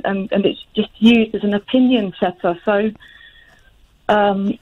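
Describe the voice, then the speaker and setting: A woman calling a radio phone-in, giving a personal account in a halting, hesitant way with frequent restarts. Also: mid-range voice. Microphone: telephone. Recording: muffled narrowband phone line.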